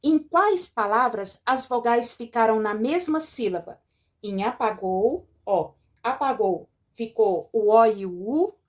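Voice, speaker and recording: Patient schoolteacher explaining slowly. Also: female voice, a little high, animated. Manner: patient, explanatory, checks in with "certo?" and "tá?". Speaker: teacher. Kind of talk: recorded remote lesson walking through a textbook.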